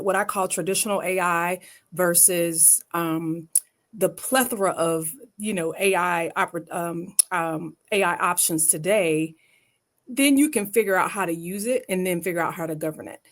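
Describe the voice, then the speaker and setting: A woman's voice: on the low side, normal speed. A woman with a Southern US accent, speaking emphatically as a panelist in a discussion. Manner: emphatic, folksy, uses rhetorical "right?".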